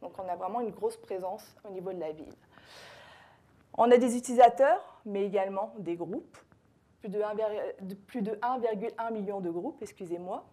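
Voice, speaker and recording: Her voice is mid-range and mellow, moving at a moderate pace, as this woman from France presents a conference talk to a live audience. A social media consultant and trainer, she has a French accent. The talk is hesitant and packed with fillers and self-corrections.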